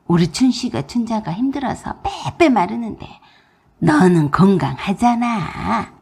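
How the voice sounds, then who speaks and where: A woman's voice: medium pitch, big pitch swings, measured pace, vocal fry, a little mellow, husky, heavily acted. A woman voicing a nagging, scornful older mother-in-law in a radio drama. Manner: scolding, contemptuous.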